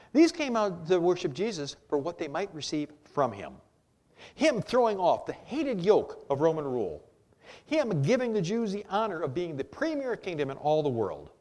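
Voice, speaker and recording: A man's voice: fairly high pitch, a little mellow. A male pastor preaching a sermon, telling a story and reading scripture aloud in old-fashioned wording.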